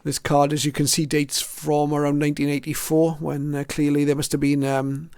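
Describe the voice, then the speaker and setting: In a casual, thoughtful show-and-tell, a mature man goes over his hobby collection piece by piece, frequently hesitating. His voice sits slightly high and stays even, with a clean, smooth tone, at normal speed. The recording is dry with clean studio sound.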